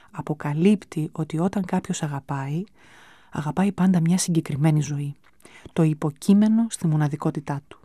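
A woman hosting a radio show, giving a calm, measured, scripted book review. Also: deep voice, no room sound, clean studio sound. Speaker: radio host presenting books.

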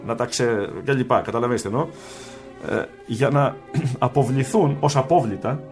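A man telling a personal story in an interview, soft-spoken, unhurried and reflective. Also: medium pitch, soft background music. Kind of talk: storytelling in conversation.

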